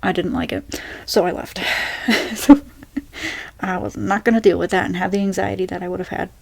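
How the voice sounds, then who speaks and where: A young woman, an ASMR creator, talking softly and rambling through a Q&A with many fillers and restarts. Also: on the low side, fairly even intonation, normal speed, vocal fry. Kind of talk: soft-spoken rambling Q&A.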